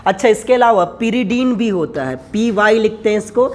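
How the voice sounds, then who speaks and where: A man's voice: high voice, moderate pace. A male chemistry teacher lecturing while he writes on a board. He keeps asking the class questions and answering them himself, and talks to his students in a familiar way, calling them son and brother.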